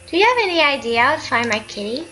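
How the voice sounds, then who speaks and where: A woman's voice: sits high, very animated, fast talker, pushed and bright, faint music behind, pitched above the performer's own voice, exaggerated voice. A woman voicing a young girl in a video game who is searching for her lost cat, speaking earnestly.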